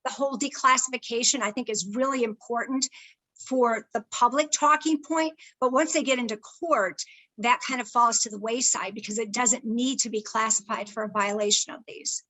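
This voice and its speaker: A woman's voice: fairly high pitch, steady tone, moderate pace, pushed and bright, poor audio. A woman speaking as a legal panelist in an online discussion, emphatic and rhetorical. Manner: emphatic, rhetorical, quotes imagined voices.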